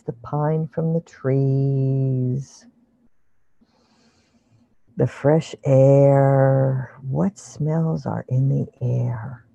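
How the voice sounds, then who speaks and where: Online meditation guide: slow, soothing, hushed delivery, medium pitch, dry but dull lo-fi recording. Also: creaky, dry recording. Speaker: relaxation guide leading an online session. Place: online video call with screen sharing.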